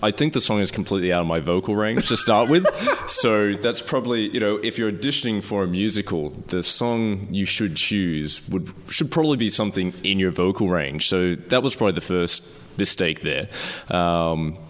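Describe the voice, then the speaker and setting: Low-voiced man, halting podcast guest. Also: expressive, a bit bright. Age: late 20s. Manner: self-mocking, halting with repeated words. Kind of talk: casual chat, reminiscing. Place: living room, indoors.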